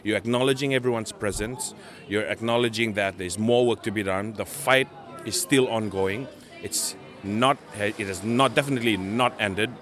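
A man from Fiji, giving earnest interview answers and pausing to search for words. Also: on the low side, fairly bright tone. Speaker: Pacific island campaigner interviewed at a meeting.

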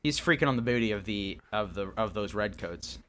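A man co-hosting a comedy podcast, telling an absurd story in a rambling, deadpan way. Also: lowish voice, fairly quick. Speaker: podcast co-host. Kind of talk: comedic casual chat.

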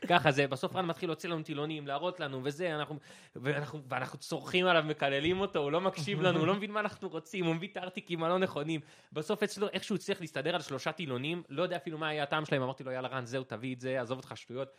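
A young man with a bright, tense voice tells a rambling story, laughing as he goes. His delivery is animated, and he raises his voice for the lines he quotes. The pitch sits a little high. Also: few pauses. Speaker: podcast co-host. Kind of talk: casual storytelling chat.

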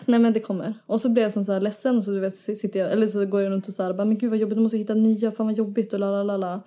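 A young woman, hosting a podcast and telling an animated story in casual chat, acting out quotes and laughing often. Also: medium pitch. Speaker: podcast host.

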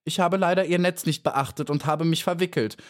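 A brave, proud little bee girl from a storybook, as a man narrator puts her on. Her voice sits well above a man's, high and earnest, and she speaks eagerly. She keeps her pride even when she pleads. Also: fairly quick, close to an everyday voice. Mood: pleading.

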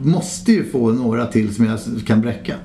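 A man, a podcast host, chatting casually in a halting, hesitant way. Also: mid-range voice, lively intonation, gravelly, dark tone, slight background noise. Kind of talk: casual chat.

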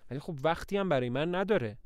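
A man's voice: on the high side, lively intonation, dry recording, clean studio sound, close to an everyday voice. A man reading the lines of an earnest, worried young woman who runs a household and speaks with frustration.

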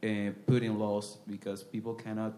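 A man from Venezuela with a fairly low voice, asking a question from the audience. He talks haltingly, restarting his sentences often. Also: completely flat delivery, mellow, a little hiss or hum. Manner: hesitant, many "uh" restarts.

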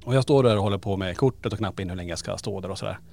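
Low-voiced man telling eerie stories. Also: vocal fry. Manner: animated storyteller, many fillers. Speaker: podcast host. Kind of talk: casual storytelling chat.

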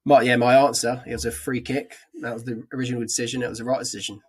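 A young man co-hosting a casual football podcast, an animated, excitable storyteller. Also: mid-range voice, fast talker, slightly rough. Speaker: podcast co-host. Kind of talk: casual chat.

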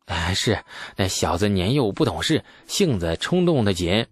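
A man's voice: fairly low pitch, very animated, moderate pace, breathy edge, no echo. A man voicing a sheepish young man who stammers and hedges through his excuses.

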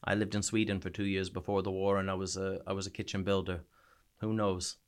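His voice is deep, clean, and flatly delivered, with a Canadian accent tinged by an Irish-sounding twang. He's a soldier home from war, from a small town in New Brunswick, eastern Canada, sharing his story haltingly and frankly as a guest on a podcast.

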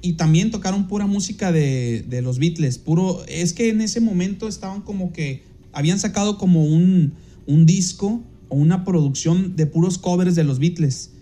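A man's voice: sits high, normal speed, mellow. A Mexican man, a podcast host and DJ, telling a casual anecdote in a rambling way, with many fillers and restarts, and jumping into livelier voices when he quotes people.

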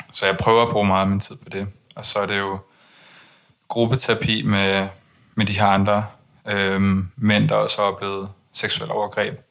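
Flat, gravelly low-voiced young man. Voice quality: monotone, low-key delivery. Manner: hesitant, many restarts. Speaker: interview guest. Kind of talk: candid personal conversation.

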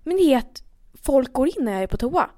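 A young woman co-hosts a relaxed chat, telling a story with lots of animation and casual swearing. Her voice sits a little high for a woman. She comes from Sweden. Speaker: podcast co-host.

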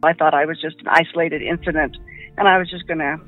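A woman giving personal testimony about an attack she survived, in a quiet, halting way. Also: sits low, fairly even intonation. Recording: muffled lo-fi with faint music.

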